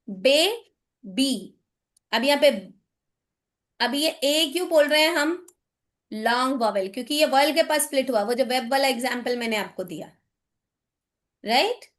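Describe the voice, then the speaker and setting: अंग्रेज़ी के भारतीय लहजे वाली ऊँची आवाज़ में शिक्षिका. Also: female voice, sits high, a bit bright. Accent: Indian English. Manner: explains in mixed Hindi and English, checks in with "right?" and "ठीक है?". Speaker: teacher trainer. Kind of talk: phonics lesson for teachers.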